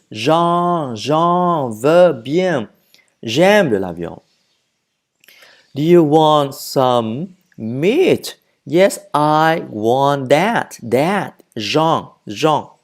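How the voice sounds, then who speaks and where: A French teacher giving a slow grammar lesson, switching between French and English, repeating phrases and correcting herself or himself. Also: medium pitch, a little mellow. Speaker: language teacher.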